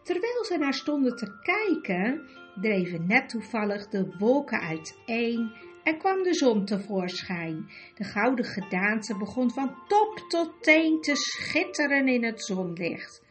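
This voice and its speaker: A woman reading a storybook aloud in an expressive, measured way. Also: a little high, soft background music. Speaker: audiobook reader.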